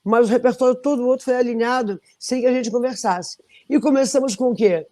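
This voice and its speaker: A middle-aged woman from Belém, Brazil, with a Brazilian Portuguese accent, a singer telling animated stories in an interview with many restarts. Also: on the high side, a little fast. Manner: animated storytelling, frequent restarts. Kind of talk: conversational interview.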